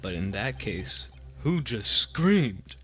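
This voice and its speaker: A man's voice: fairly low pitch, big pitch swings, takes it slowly, bright, forceful tone, breathy edge, exaggerated voice. A man voicing an earnest, slightly anxious young male lawyer.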